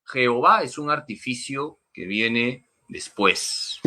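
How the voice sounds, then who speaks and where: Bright-voiced priest teaching slowly. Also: male voice, mid-range voice, animated. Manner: emphatic and didactic, repeats key points. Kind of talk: Bible teaching talk.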